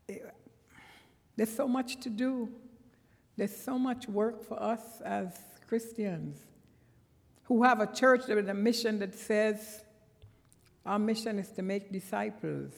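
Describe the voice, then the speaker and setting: A woman from Trinidad, guest-preaching in a church sanctuary, gives a conversational sermon in a Trinidadian accent with earnest, emphatic bursts. Her medium-pitched voice is slow, shows vocal fry, and leaves long pauses. Long church reverb fills the recording.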